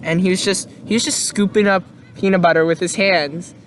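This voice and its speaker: Young man, rambling podcast co-host, fairly high voice, faint noise behind. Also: fairly even intonation, a little fast. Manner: rambling storyteller, lots of fillers and restarts. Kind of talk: casual chat.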